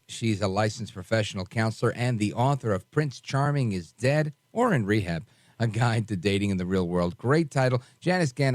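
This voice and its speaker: A man's voice: lowish voice, no room sound. A man hosting a radio talk show in a conversational style.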